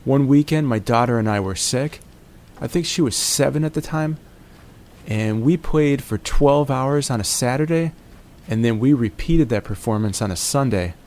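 Here a man in his forties riffs on gameplay with morning-DJ humor, tossing out "baby" and "my friends" and meandering into side topics. Slight background noise surrounds his darkish, mid-range voice.

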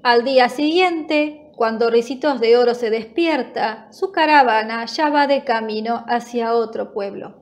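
A woman narrating a children's storybook in a slow, clear, gentle storytelling manner. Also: fairly high pitch.

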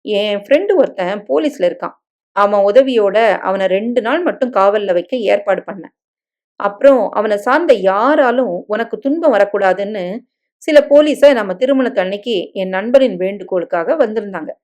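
A woman voicing a devoted young husband in a dramatic story reading, soft and coaxing in manner. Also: mid-range voice, animated, moderate pace, lightly acted.

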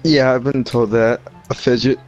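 A man's voice: mid-range voice, steady tone, normal speed, highs cut off. A young man chatting casually and jokingly while playing an online game. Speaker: gamer. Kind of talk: casual joking chat during online gaming. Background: music.

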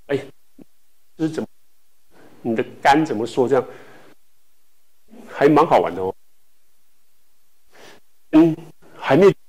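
A man from Taiwan teaching a language class, speaking slowly with many filler tags and repeating words for students to echo. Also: mid-range voice, darkish tone. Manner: filler-heavy speech with frequent "hou" tags.

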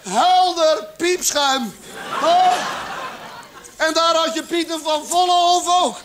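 A man performing a stand-up cabaret monologue on a theatre stage, acting out characters with sudden exaggerated shouts. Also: very high voice, steady tone, takes it slowly. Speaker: comedian. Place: theatre stage with live audience. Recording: live theatre recording, audience laughter, background noise.

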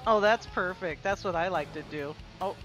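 A woman's voice: lowish voice, moderate pace, music in the background, lightly acted. A woman playing a heavyset, self-mocking woman in a role-play game, giggly and breathless as she jokes. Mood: amused.

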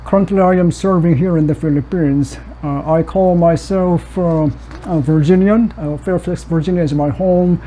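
Man, high dark voice. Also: fairly even intonation, a little hiss or hum, rough recording. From South Korea. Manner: measured, reads prepared text with occasional restarts. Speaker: missiologist lecturer. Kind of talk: academic conference presentation.

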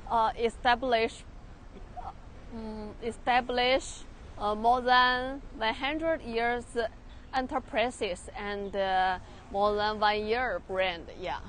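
A young Chinese woman touring a large factory workshop in halting English with a Chinese accent, repeating words and using many fillers, filmed on a handheld phone. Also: fairly high pitch, fairly even intonation, a bit bright, a little hiss or hum. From China. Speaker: factory tour guide. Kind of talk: live factory tour walkthrough. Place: large industrial workshop and outdoor factory yard.

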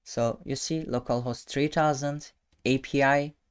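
A young man from Turkey, whose first language is Turkish, tutors programming through a casual screen-share coding tutorial at his desk in a small indoor room. His medium-pitched voice is clear and resonant with fairly even intonation, though his delivery is halting and self-amused, full of fillers and restarts.

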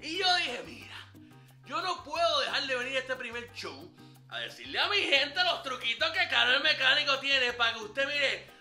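In a comedy sketch, a man plays a brash, flirty ladies' man who boastfully dishes out dating tricks in swaggering, slangy banter, calling the listener papá. His heavily acted voice is extremely high, expressive, pushed and bright at a normal speed, with soft background music and a roomy echo.

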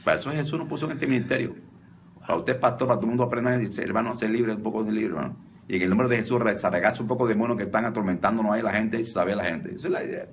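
A man's voice: fairly low pitch, racing, slight background noise. A man teaching on deliverance in an informal, conversational way, often repeating himself and calling his listeners brother. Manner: repetitive, addresses listeners as brother, frequent restarts. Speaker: deliverance preacher.

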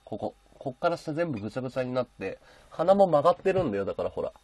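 A man's voice: medium pitch, big pitch swings, racing, a little mellow, no room sound. A man hosting a casual livestream from his bedroom, chatting and thanking his viewers as he reads their comments. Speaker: livestream host. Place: bedroom at home.

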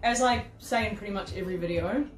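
A woman's voice: mid-range voice, fast. A woman with a British accent hosting a casual gin tasting, enthusiastic and chatty. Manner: enthusiastic, chatty, laughs often. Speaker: host. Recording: roomy sound with music playing behind.

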